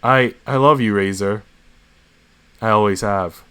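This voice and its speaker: A man voicing an earnest, excitable young adventurer boy in a story reading, speaking emphatically and a little awkwardly. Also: lowish voice, a little slow, clear, resonant tone. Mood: tender, nervous. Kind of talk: acted dialogue in a story reading.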